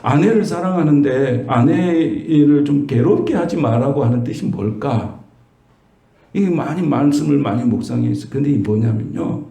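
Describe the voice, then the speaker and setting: Middle-aged male pastor, gravelly mellow voice, chatty sermon delivery, echoey church room. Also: medium pitch, lively intonation, moderate pace. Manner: conversational preaching, rhetorical questions to the congregation. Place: church sanctuary.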